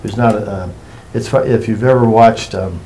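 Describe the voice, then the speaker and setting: A man leading a workshop, explaining things to a group in an informal, meandering and unhurried way. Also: fairly low pitch, background noise. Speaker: workshop facilitator.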